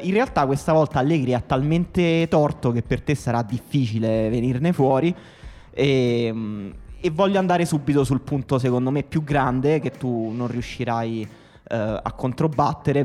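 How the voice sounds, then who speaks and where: A man hosting a casual podcast debate, building his argument point by point in a measured way. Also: medium pitch, a little mellow, big-room sound. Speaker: podcast host.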